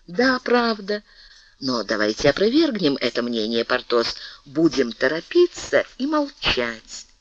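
A man voicing a scheming male bishop who speaks softly but commandingly. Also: on the high side, wildly swooping pitch, measured pace, dull audio, slight background noise. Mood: urgent. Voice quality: soft, hushed, urging.

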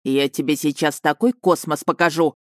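A woman voicing a gruff, stern middle-aged male space captain in an audiobook. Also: sits low, fairly even intonation, dry recording, studio quality, close to an everyday voice. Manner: gruff, slow and commanding. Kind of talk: audiobook character reading.

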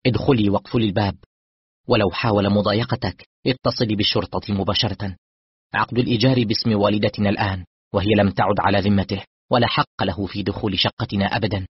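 A man's voice: sits low, a little fast, husky, dry recording. A man voicing a bitter, scornful young woman who coldly rejects her father, in a dull, dry audiobook recording. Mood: stern warning. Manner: scornful, stern. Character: bitter young woman, elder daughter, cold and firm.

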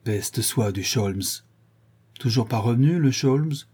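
A man's voice: medium pitch, lively intonation, slow, warm tone, husky. A man reading a cautious, anxious male accomplice who asks worried questions.

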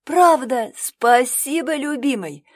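An impatient young woman who pushes and demands with a theatrical flair, read by a woman narrator. Her voice climbs high and loud as she presses for answers in an audiobook scene. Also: moderate pace, close to an everyday voice. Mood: insistent.

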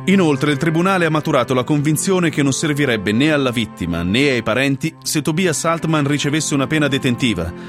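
A man playing a judge who reads out a court sentence in a measured, formal way, with music behind him. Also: on the high side, close to an everyday voice. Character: stern formal judge reading a verdict.

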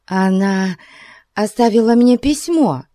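A woman's voice: medium pitch, animated, slow pace, mellow, dry recording, studio quality, voice pushed up. Woman doing a breathless, timid old companion. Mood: flustered. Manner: breathless, gasping.

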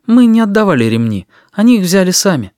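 A man's voice: sits high, big pitch swings, brisk, darkish tone, no echo, studio quality, voice pushed up. A man voicing a polite, calculating schoolboy who argues his case. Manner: polite, reasoning.

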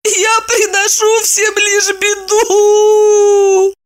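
A woman voicing a tearful, shrill middle-aged wife in a storybook reading, squealing and wailing as she pleads for a stray dog. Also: a little slow, a bit bright. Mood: sobbing. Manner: wailing and sobbing, high-pitched squeals.

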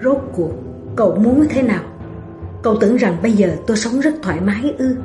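A woman's voice: on the high side, brisk, roomy sound, soft background music, lightly acted. A woman voicing a cold, guilt-ridden young husband who speaks curtly and brokenly. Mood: anguished. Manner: curt and flat, breaking into anguish.

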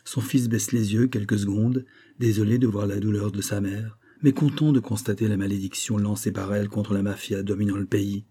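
Dark husky male narrator. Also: fairly low pitch, steady tone, a little fast. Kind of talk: audiobook narration.

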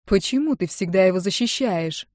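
A woman reading an audiobook, voicing a sullen, stubborn young man who answers tersely and flatly. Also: medium pitch, normal speed, no room sound, studio quality, lightly acted. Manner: flat, terse and defiant.

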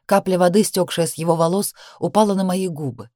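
A woman narrating a romance novel in the first person, in a steady, measured reading. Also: lowish voice, dry recording, clean studio sound. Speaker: audiobook reader.

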